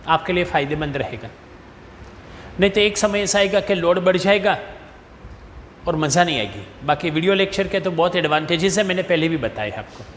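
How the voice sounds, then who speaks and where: High-voiced male teacher dictating slowly. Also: fairly bright tone, big-room sound, a little hiss or hum. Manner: mixes Hindi with English terms, slows to dictate definitions. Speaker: commerce teacher. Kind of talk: recorded video lecture.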